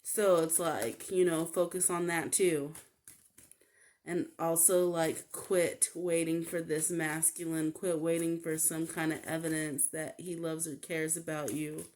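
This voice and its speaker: A woman reads tarot cards in a relaxed, unscripted way, stopping and restarting with little fillers. Her voice sits a bit low and stays flat, moving at an unhurried pace. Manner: halting, full of "like" and "um" fillers. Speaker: tarot reader. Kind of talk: casual tarot card reading.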